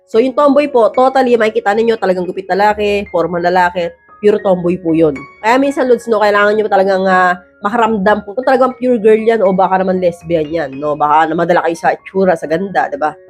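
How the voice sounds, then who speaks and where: A woman hosting an advice vlog in a casual, blunt way. She keeps checking in with tag questions, and her voice has a roughened edge from years of rapping. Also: mid-range voice, darkish tone, faint music behind. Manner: rapid, blunt delivery she calls man-like. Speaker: advice vlogger, host. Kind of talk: casual advice talk to viewers.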